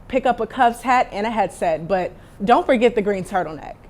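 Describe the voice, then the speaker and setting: A woman's voice: mid-range voice, lively intonation, a little fast, darkish tone. A young woman working as a sports reporter, narrating a scripted countdown segment in a light, list-style read. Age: young adult. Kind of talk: scripted news package narration.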